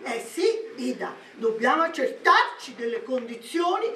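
A woman's voice: sits high, big pitch swings, normal speed, bright, forceful tone, full character voice. A woman playing a genteel, condescending charity-visiting baroness in a stage comedy, formal and affected in her delivery. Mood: genteel concern. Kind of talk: live amateur stage comedy acting. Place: theatre stage before an audience. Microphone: far camera. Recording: roomy theatre heard from far off.

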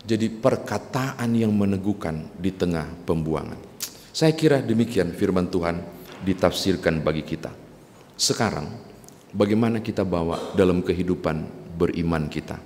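A man's voice: low voice, lively intonation, normal speed, darkish tone. A male pastor preaching a sermon in a conversational storytelling way, addressing the congregation directly. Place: church sanctuary. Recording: reverberant church with faint hiss.

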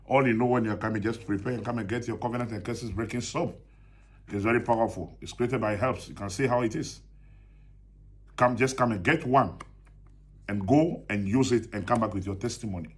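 A man's voice: fairly low pitch, husky. A man in his thirties with a Ghanaian accent, preaching a sermon to a close phone camera from a small indoor room, emphatic and repeating key lines. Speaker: pastor. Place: small brightly painted indoor room, seated at a desk. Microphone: phone camera at close range.

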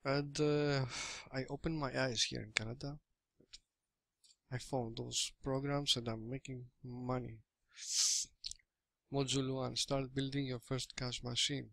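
A medium-pitched, creaky, fairly bright male voice with little pitch movement, recorded dry. The speaker is a Greek man in his thirties, an affiliate marketer reviewing a product in a casual screen-recorded walkthrough from a small room over a webcam or laptop mic. He speaks Greek-accented second-language English, hesitant and halting, with lots of fillers and restarts.

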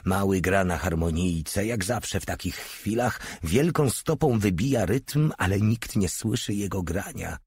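A man narrating an audiobook in a steady, measured reading. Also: low-pitched, slightly rough, no echo, studio quality. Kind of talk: scripted narration.

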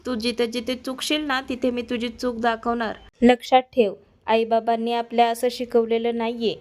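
A woman's voice: a little high, level tone, moderate pace, a little mellow, lightly acted. A woman voicing a stern elder sister who firmly scolds her younger sibling. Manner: scolding, firm.

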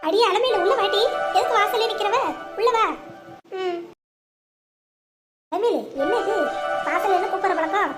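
A high voice doing a grumbling village housewife. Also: moderate pace, pauses often, over loud music. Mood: bossy. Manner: grumbling, nagging. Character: grumpy middle-aged village housewife.

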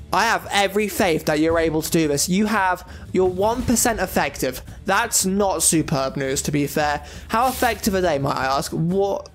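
A young man giving casual, chatty let's-play commentary, thinking aloud as he plays with jokey asides. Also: high-pitched. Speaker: gaming YouTuber.

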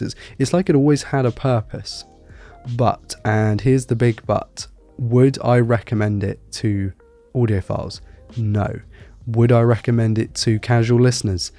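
A man's voice: medium pitch, warm tone. A man reviewing a music player, talking candidly and thinking aloud, his voice nasal from a cold. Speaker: tech reviewer. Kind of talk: casual product review.

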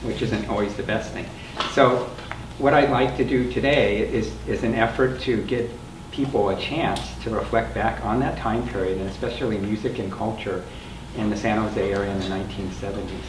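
In a meeting room with a small audience, an older man opens an oral history panel he is interviewing and moderating, explaining things in a relaxed, conversational way. His fairly low voice holds a fairly even intonation at a normal speed, with hardly any pauses. Captured on a distant mic, the sound is roomy and background noise is clearly audible.

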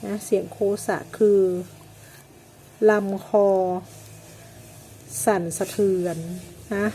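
A woman teaching English weather words, explaining each one slowly and patiently, with many polite particles. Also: mid-range voice, flat delivery, warm tone, slight background noise. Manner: slow, drawn-out explanations with frequent polite particles. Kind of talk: English vocabulary lesson.

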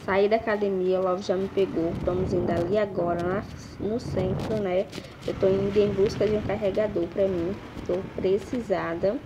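A young woman from Brazil chats to her viewers in a relaxed vlog, talking straight to a handheld phone. Her voice sits mid-range, and clear background noise runs under the recording. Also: mid-range voice, moderate pace, dull audio. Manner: chatty, addresses viewers as "minha gente". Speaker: vlogger. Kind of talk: casual vlog chat. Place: street then a small home kitchen. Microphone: handheld phone camera.

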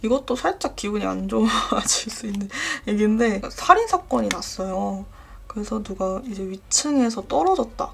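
A woman's voice: fairly high pitch, gravelly. Young woman telling ghost stories. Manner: slips into hushed whispers at scary turns. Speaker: vlogger. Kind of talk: casual horror storytelling while journaling.

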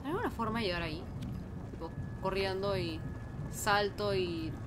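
A woman's voice: medium pitch, normal speed, noisy background. A woman doing casual, playful live commentary as a horror game streamer, talking to chat and to the game, exclaiming when startled.

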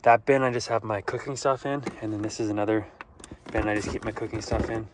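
A man's voice: on the low side, steady tone, fast. A young man, narrating a casual camping vlog in a laid-back, slangy way from a parking lot and his car. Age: young adult. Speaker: vlogger. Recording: loud outdoor and vehicle noise.

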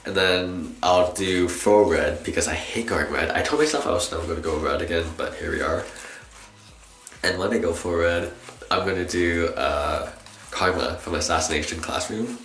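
A man's voice: low-pitched, moderate pace, a bit bright. A young adult man vlogging in a casual, rambling, self-deprecating chat, saying w for r. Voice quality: trouble pronouncing R sounds, says w for r. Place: small bathroom, indoors. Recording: echoey small-room camera recording.

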